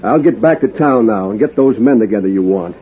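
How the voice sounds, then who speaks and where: An actor playing a worried, folksy small-town sheriff, in 1940s radio acting. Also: male voice, lowish voice, animated, a little fast, a little hiss or hum, lightly acted. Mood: earnest. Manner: folksy, earnest. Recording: tinny old radio broadcast.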